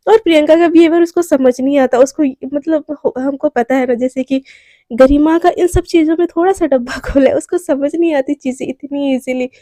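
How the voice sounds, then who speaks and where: A woman's voice: high voice, a little fast, mellow, no room sound. A woman telling a story in a chatty, conversational way, recorded on a close mic. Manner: chatty, conversational, uses fillers like "ना". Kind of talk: casual spoken storytelling.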